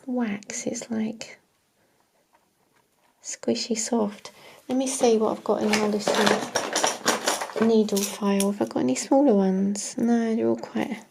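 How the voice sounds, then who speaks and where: A woman's voice: a little high, steady tone, measured pace, vocal fry, darkish tone, breathy edge. A woman, chatting to herself while she crafts, often half-whispering and chuckling at herself. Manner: self-mocking, chuckling. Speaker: crafting vlogger. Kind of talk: casual talk while crafting.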